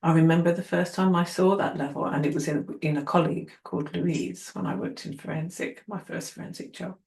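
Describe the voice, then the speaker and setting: A woman's voice: lowish voice, steady tone, brisk, vocal fry, darkish tone. A woman occupational therapy trainer giving an earnest, encouraging, casual talk to newcomers. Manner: earnest, encouraging, acts out quoted people. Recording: roomy echo.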